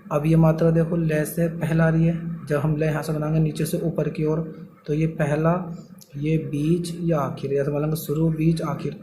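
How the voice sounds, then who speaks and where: A man's voice: on the high side, warm tone, a little hiss or hum, poor audio. A man teaching a shorthand lesson step by step, explaining patiently and answering his own questions.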